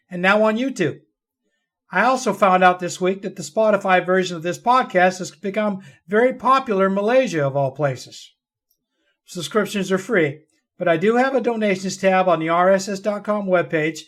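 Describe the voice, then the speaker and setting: A man hosting a story podcast and reading short fiction aloud as a storyteller. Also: sits high. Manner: storyteller's delivery.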